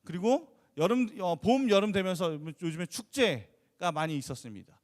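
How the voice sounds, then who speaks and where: A man's voice: sits high, very animated, moderate pace. A man preaching a storytelling sermon at a church youth service, asking the listeners questions. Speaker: youth pastor.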